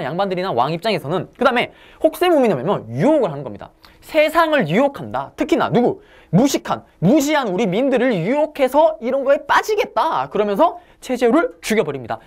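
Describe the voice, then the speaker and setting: A woman giving an exam-prep history lecture, asking the class questions and answering them herself. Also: on the high side.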